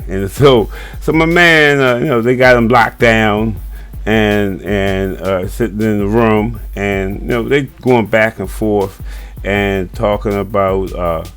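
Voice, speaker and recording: A man in his sixties with a fairly low voice hosts a relaxed comic book review. He rambles loosely, stumbles over his words and chuckles along the way. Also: takes it slowly, smooth, soft background music. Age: 60s. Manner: rambling, many fillers, chuckling. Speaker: host.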